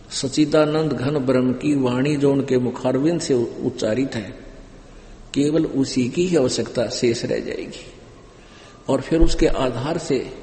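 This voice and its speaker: A man giving a slow, deliberate sermon as a spiritual teacher, repeating his phrases for emphasis. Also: medium pitch, warm tone, reverberant, big-room sound.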